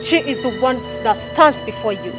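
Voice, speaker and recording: A woman's voice: sits high, lively intonation, moderate pace, music in the background. A woman playing a benevolent forest goddess in a film drama, serene and solemn, with a Nigerian accent.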